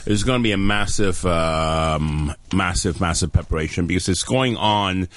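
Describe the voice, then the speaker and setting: A man's voice: low-pitched, normal speed, fairly bright tone, no room sound. A chef from Canada, a man, talking chattily on a radio interview, full of "you know" and laughing at his own jokes. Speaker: celebrity chef guest.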